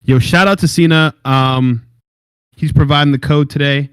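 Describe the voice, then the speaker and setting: A man's voice: on the high side, steady tone, normal speed, clean tone, dry recording. A young man hosting a casual gaming podcast, talking in loose slang while he runs the show and hands out giveaways. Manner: slangy, laid-back, steers the show and giveaways. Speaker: podcast host.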